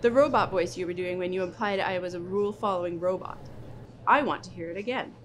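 A woman's voice: on the low side, fast talker, natural voice. A woman acting in a student film, playing a strict, sarcastic new vice principal with a dry, commanding manner. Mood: stern. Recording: noisy amateur school video recording.

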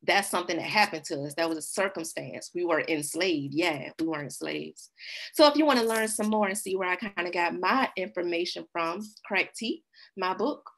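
Woman, low-ish voice, casual storytelling presenter who laughs easily. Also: animated, normal speed, creaky, a bit bright. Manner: conversational, laughs while telling stories. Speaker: workshop presenter. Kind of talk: casual talk with slides.

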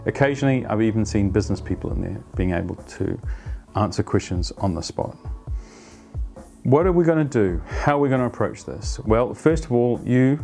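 A man in his fifties explaining a team planning practice to camera as an agile coach, conversational and animated, on a lapel mic in a plain studio. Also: fairly low pitch. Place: plain studio against a light wall.

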